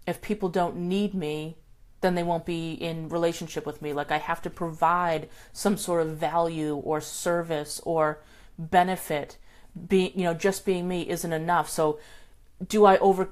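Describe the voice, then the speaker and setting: A middle-aged woman hosts a relaxed live talk and answers viewer comments as they come in. She sits a little low in pitch for a woman and speaks in a loose, friendly way, full of ums and restarts. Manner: chatty and relaxed, with frequent fillers and restarts. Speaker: host.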